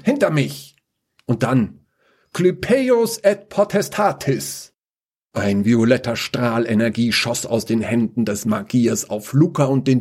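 A man narrating a fantasy story in a calm, measured reading voice with a husky tone. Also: medium pitch.

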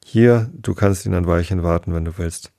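A man reading the lines of a grumpy, hoarse-voiced storybook duchess in a gruff, slow way. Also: deep voice, dark tone, no echo, clean studio sound.

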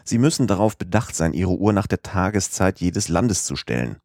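A man's voice: sits low, lively intonation, moderate pace, darkish tone, dry recording, studio quality. A male audiobook reader voicing a shrewd police agent who asks coaxing, probing questions.

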